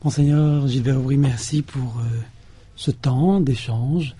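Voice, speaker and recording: Male radio host, husky, very dark voice, dry studio. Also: mid-range voice, steady tone, slow pace, dry recording. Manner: warm thanks with hesitations. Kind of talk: radio show sign-off.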